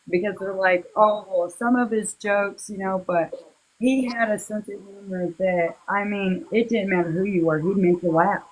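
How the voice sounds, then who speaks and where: A woman speaking as an interview guest, recalling personal matters in a halting, heartfelt, casual way. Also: medium pitch, low-quality recording. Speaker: interview guest, victim's relative.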